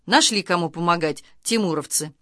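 A woman's voice: fairly low pitch, a little fast, a bit bright, dry recording, studio quality, close to an everyday voice. A woman reading aloud, voicing a jolly middle-aged male police officer who teases and orders kids about. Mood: commanding.

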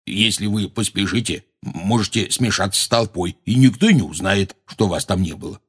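A man voicing a huge, stubborn gamekeeper in an audiobook, with a gruff, blustering way of talking. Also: lowish voice, normal speed.

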